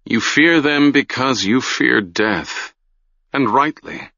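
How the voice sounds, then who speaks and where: A man voicing a grave, gentle adult wizard who speaks in a measured way, at times gently mocking. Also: medium pitch, gravelly, no room sound, lo-fi sound, full character voice.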